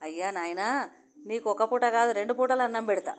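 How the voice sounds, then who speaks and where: A woman voicing a patient, kindly man who calms a beggar. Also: on the high side, brisk, natural voice. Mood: soothing. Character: kindly male hen owner, patient.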